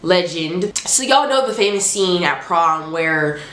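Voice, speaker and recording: A woman's voice: fairly low pitch, expressive, unhurried, a bit bright, slight background noise. A woman with a stuffed-up, nose-pinched sound from allergies, chatting casually and expressively in slangy speech as she reviews films. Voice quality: congested, nasal, like holding the nose. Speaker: movie reviewer hosting a top ten countdown. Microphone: handheld phone. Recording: roomy, echoing home recording.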